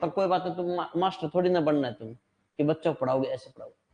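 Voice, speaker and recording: A man's voice: fairly high pitch, quick pace, darkish tone, highs cut off. A man teaching a class, chatty and teasing, quizzing his students on how letters are said. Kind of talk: joking classroom lecture. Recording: long hall reverb.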